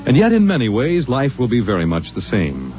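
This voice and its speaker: A male announcer with a measured, dramatic delivery, in a formal radio announcing style. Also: mid-range voice, huge pitch swings, darkish tone. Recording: dull 1950s radio broadcast with music.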